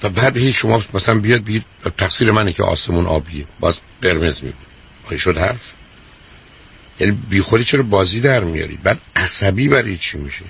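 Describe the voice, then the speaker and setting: Blunt deep gravelly-voiced man lecturing. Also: expressive, fairly bright tone. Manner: blunt, lecturing, repeats himself. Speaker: radio advice host. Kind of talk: call-in counseling.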